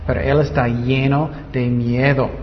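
Pastor guy preaching real slow, asks the crowd questions, muffled church recording. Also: mid-range voice, flat delivery, slight background noise. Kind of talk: sermon. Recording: muffled reverberant hall.

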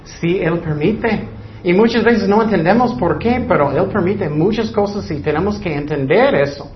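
Male preacher, high voice, plain repetitive sermon delivery, dull lo-fi recording. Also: moderate pace, slight background noise.

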